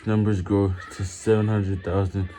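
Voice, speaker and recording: A man reading a text aloud haltingly while doing push-ups, in short, strained phrases under physical exertion. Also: lowish voice, flat delivery, warm tone, faint music behind.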